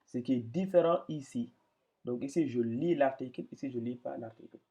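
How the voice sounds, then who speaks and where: A man's voice: medium pitch, normal speed, mellow, dull audio. A man teaching Quran reading in an explanatory lesson, patient and hesitant, often repeating words as he points things out.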